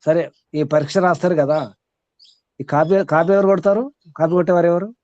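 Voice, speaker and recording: Higher-voiced man teaching a spiritual discourse. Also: steady tone, moderate pace, a little mellow, no echo. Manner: repeats key words and asks the audience rhetorical questions; chuckles between points. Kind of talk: question-and-answer spiritual discourse. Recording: slightly dull, dry recording.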